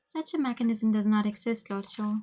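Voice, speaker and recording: A woman's voice: mid-range voice, warm tone, close to an everyday voice. A woman voicing an eerie female doll fortune teller in a visual novel game, with formal, courteous, old-fashioned phrasing. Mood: composed, courteous. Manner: archaic, courteous, measured phrasing.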